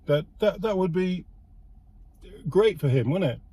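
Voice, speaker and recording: A man's voice: high-pitched, expressive, measured pace, warm tone, husky. British man ranting about politics. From United Kingdom. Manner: heated, sarcastic, stammers and repeats words while ranting. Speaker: host. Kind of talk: casual political commentary.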